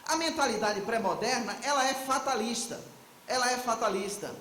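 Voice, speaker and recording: At a conference, a man gives a reflective theological lecture, posing questions to the audience and then answering them himself. His very high voice is pushed and bright at a normal speed. The audio is poor, with a roomy sound and slight background noise.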